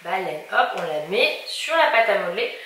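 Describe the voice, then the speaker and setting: A mother narrating a casual family vlog at home, talking softly and patiently to her toddlers as she shows them things. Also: medium pitch, sing-song, moderate pace. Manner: soft, patient, coaxing talk to toddlers. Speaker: mother filming her young children. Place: home room with a children's play table. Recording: echoey room, household noise.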